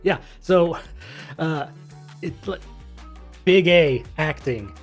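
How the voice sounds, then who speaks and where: A man's voice: a little high, lively intonation, slow, faint music behind. A man in his thirties, a voice actor, explaining technique in a chatty, rambling way full of self-corrections. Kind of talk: casual instructional commentary.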